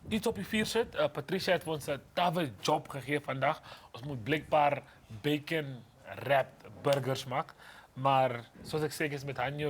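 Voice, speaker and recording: A man's voice: mid-range voice, slight background noise. A man with a Namibian accent, co-hosting and interviewing in a casual presenting style. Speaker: TV show co-host and reporter.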